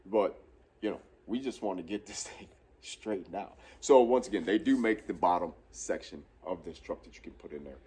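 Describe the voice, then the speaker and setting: Stuffed up with a cold, the thirty-something host of a truck build series sounds congested and nasal as he rambles through a casual tutorial in a large fabrication shop, frequently correcting himself. A camera on a tripod picks him up from mid distance. His voice is low, warm and slightly rough, at a moderate pace.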